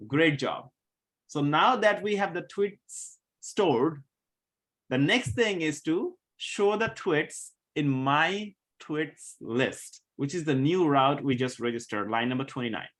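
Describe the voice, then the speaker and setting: A man teaching a live coding class, patiently walking students through code step by step, a bit hoarse as he loses his voice. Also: a little high, fairly bright tone. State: losing his voice, coughing. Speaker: coding instructor.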